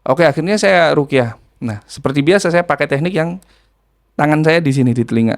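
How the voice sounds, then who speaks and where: A man's voice: on the high side, lively intonation, a little fast, vocal fry. A man telling a ruqyah healing story in casual storytelling, acting out the voices of the people in it.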